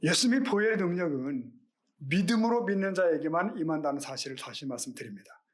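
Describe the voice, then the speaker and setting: A man's voice: fairly high pitch, expressive, fast. Earnest male pastor preaching. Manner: earnest preaching with rhetorical questions. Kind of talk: sermon.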